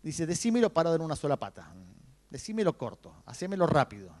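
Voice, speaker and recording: A man's voice: on the high side, fast talker, big-room sound. A man, a pastor with a Rioplatense Spanish accent, preaching a sermon and acting out the voices of the people he quotes. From Argentina. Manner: animated preaching, voicing quoted speakers. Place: church.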